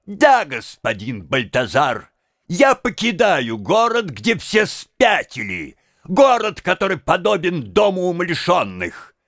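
A male audiobook reader voicing an excitable, proud Italian violinist who tells his story in theatrical, indignant outbursts. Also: high-pitched, slow, no room sound, studio quality, heavily acted. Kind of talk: audiobook character reading.

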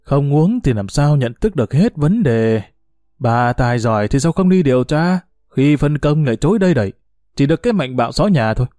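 A man's voice: mid-range voice, sing-song, brisk, dark tone, no echo, clean studio sound, close to an everyday voice. A man voicing a proud, teasing old retired official who talks in a boastful, bureaucratic way. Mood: smug.

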